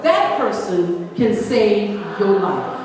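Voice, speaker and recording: A woman's voice: medium pitch, expressive, slow, a crowd in the background. An older woman gives an inspirational talk at a church conference, telling her story emphatically and repeating key phrases. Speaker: conference speaker. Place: large church hall. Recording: echoey hall recorded from far off.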